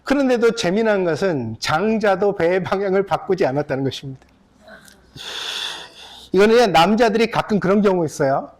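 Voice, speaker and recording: A man's voice: high-pitched, a little fast. A male pastor in his fifties preaching a story-filled sermon, speaking straight to his congregation. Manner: animated, addresses the congregation directly, acts out characters. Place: church sanctuary.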